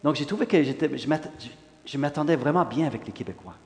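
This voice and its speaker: A man in his sixties from Western Canada, a pastor whose first language is English, giving an animated sermon testimony full of "là" fillers. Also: on the high side, quick pace. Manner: animated, rising in emphasis, frequent "là" fillers. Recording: long hall reverb.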